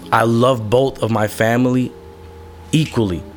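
A young musician being interviewed talks candidly about his life, rambling with many fillers and casual swearing. His medium-pitched voice keeps fairly even intonation at a measured pace. There's a little hiss or hum.

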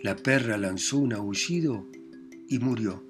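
Male audiobook narrator, calm literary reading, light music bed. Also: on the low side, a little slow. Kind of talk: storybook narration.

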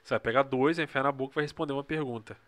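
A man's voice: mid-range voice, rapid-fire, fairly bright tone. A Brazilian man co-hosting a casual podcast, talking in an informal, slangy way. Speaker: podcast co-host.

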